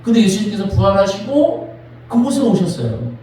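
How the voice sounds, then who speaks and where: A man, a pastor, preaching a sermon in a church with animated, dramatic storytelling. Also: high voice, moderate pace, a little hiss or hum. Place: church sanctuary. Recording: echoey church from a distant mic.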